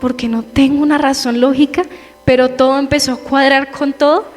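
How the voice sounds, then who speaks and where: A young woman giving a personal testimony in church, telling her story with lively quoted asides. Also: sits high, fairly quick. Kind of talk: testimony sermon. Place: church hall. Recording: reverberant church hall with faint music.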